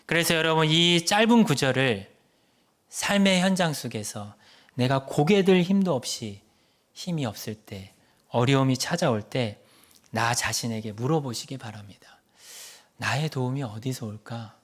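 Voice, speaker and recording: A male pastor giving a sermon, asking the congregation questions and dropping to a soft hush at the ends of phrases. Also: mid-range voice, expressive, normal speed. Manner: earnest preaching with rhetorical questions to the congregation.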